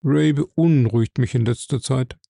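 In an audiobook, a man voices a calm, stout, middle-aged office manager, speaking in a measured, confiding way. The voice is mid-range, dark and slightly gravelly, captured close-up in a dry recording.

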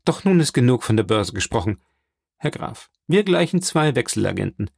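A man voicing a proud, sharp-tongued middle-aged baroness in an audiobook, brisk and haughty. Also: medium pitch, sing-song, vocal fry, breathy edge, dry recording, studio quality, heavily acted.

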